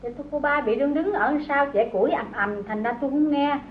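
An actress playing a humble, long-suffering young mother and servant who speaks meekly and pleads softly, in an old radio drama. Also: high-pitched, a little fast, slight background noise, lightly acted. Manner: meek and pleading, tender with the child. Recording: tinny, phone-like old recording with music.

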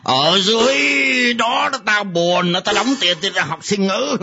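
A woman's voice: medium pitch, lively intonation, unhurried, vocal fry, husky, exaggerated voice. A woman playing the ghost of a dead father, scolding his wife and wailing, with a put-on Northern Vietnamese accent. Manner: wailing, scolding, crying outbursts. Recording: muffled lo-fi with loud music.

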